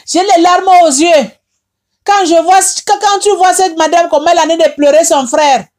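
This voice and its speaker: A woman's voice: very high-pitched, steady tone, moderate pace, darkish tone. A woman with a Haitian French accent, tearful and upset, preaching an impassioned, repetitive rebuke. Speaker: online advice host. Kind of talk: emotional preaching monologue.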